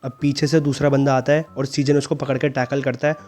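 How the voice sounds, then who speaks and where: A man's voice: medium pitch, flat delivery, brisk, a little mellow. A man narrating a manga recap as a story, reading out the characters' lines in lightly acted voices.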